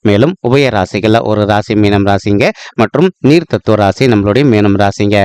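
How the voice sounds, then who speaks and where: A man with a low, smooth and resonant voice talks viewers through their monthly horoscope. He speaks politely and humbly, calling his listeners friends and leaning on the same stock phrases and fillers over and over. The sound is dry, with no room echo. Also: a little mellow. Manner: repetitive, uses filler "vandhu" and many stock phrases. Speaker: astrology channel host. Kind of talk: casual spoken astrology forecast.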